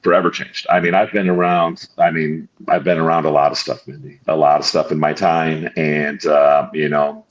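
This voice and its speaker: Deep-voiced middle-aged man telling his story. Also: flat delivery, normal speed, hardly any pauses. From northern Illinois. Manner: rambling, repeats words, self-corrects. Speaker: guest. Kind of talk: candid conversational storytelling. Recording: dull lo-fi sound.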